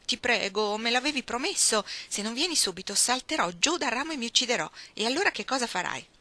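A woman's voice: a little high, expressive, fast talker, pushed and bright, pitched above the performer's own voice. A woman reading aloud, voicing a bold, mischievous tomboyish young woman who coaxes and pleads dramatically. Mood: pleading.

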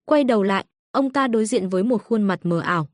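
A woman's voice: medium pitch, fast talker, no room sound. Woman narrating an audiobook, dry close mic. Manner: reads all characters in a mostly even narrating voice. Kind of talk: scripted story narration.

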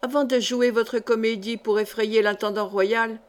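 A woman's voice: a little high, steady tone, normal speed, lightly acted. Woman reading a proud, commanding countess. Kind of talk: audiobook character reading.

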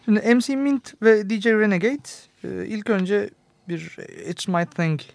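A man's voice: sits high, lively intonation, unhurried, gravelly, no room sound. A man co-hosting a radio music show, chatting casually with playful, self-mocking banter. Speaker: radio host.

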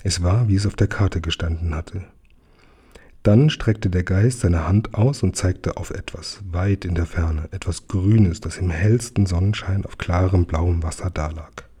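A man narrating a children's audiobook in a calm, measured way. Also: sits low, breathy edge. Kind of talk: audiobook reading.

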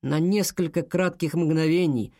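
A man reads a children's adventure story aloud in a measured, storytelling delivery. His voice sits a little high for a man. The recording is close and dry, with no room sound. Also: dark tone, dry recording. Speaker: narrator. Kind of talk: audiobook narration.

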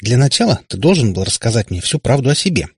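A man voicing a sharp-tongued, indignant teenage girl in an audiobook, with a raised, husky voice. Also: mid-range voice, very animated, fast talker, dry recording, studio quality, full character voice. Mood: scolding.

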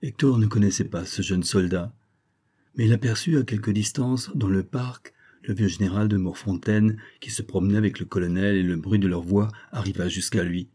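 Husky low-voiced male narrator. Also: moderate pace, dark tone. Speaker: audiobook narrator. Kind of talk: reading a classic novel aloud.

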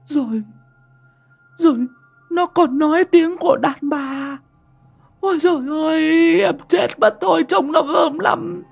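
A frantic wife crying out for help, very high and piercing, with a gravelly crackle in her wailing, spoken slowly and drawn out in a spoken ghost story. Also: faint music behind, full character voice. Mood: terrified pleading. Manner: wailing, shrill and tearful. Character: panicked village wife begging for help.

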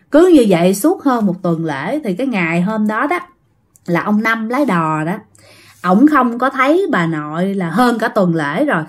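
A woman casually telling a ghost story, chatty and addressing her listeners directly. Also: mid-range voice.

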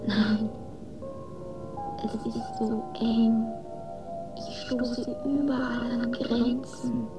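An actress voicing a lonely, disembodied female consciousness in a radio play, in a slow whispered role-play, with loud singing-bowl music behind. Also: a little high, steady tone. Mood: lonely, yearning.

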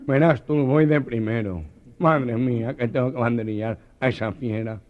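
A man's voice: mid-range voice, fairly even intonation, moderate pace, close to an everyday voice. A comedian voicing a boastful, cowardly male banderillero who swaggers and swears in a panic, on a dull cassette recording. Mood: scared.

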